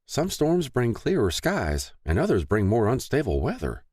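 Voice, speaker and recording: A man voicing a gentle, prayerful older country mother with soft, folksy speech. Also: mid-range voice, huge pitch swings, normal speed, slightly rough, no echo, studio quality, voice pushed up.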